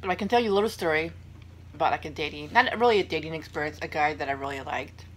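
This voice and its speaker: A young woman with a low voice hosts a casual eating vlog, talking to her viewers between bites. She rambles in an unhurried, self-deprecating way. Clear background noise sits behind her voice. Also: fairly bright tone. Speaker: vlogger hosting a mukbang.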